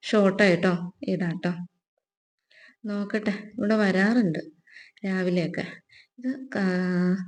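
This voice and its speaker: A woman's voice: medium pitch, darkish tone. A woman with a Keralan accent chatting casually through a gardening vlog, outdoors in a garden, tagging nearly every sentence with a friendly aside. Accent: Keralan Malayalam. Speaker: vlogger. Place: outdoors in a garden with birds around. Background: birdsong.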